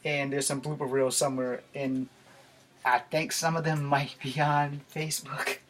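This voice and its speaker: His voice is a little high and a bit bright, with little pitch movement and a normal speaking speed. He's an American man in his forties, a YouTube vlogger giving a rambling, casual talk to camera in a small bedroom; the camera, a few feet away, yields a noisy recording with clicks.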